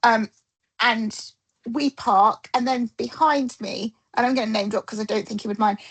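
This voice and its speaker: A woman's voice: fairly high pitch, normal speed, slightly rough, low-quality recording. A middle-aged woman, a dressage coach, telling stories in an interview and acting out the dialogue as she goes. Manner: animated, acts out quoted dialogue. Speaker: dressage rider and coach, guest. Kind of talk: casual storytelling interview.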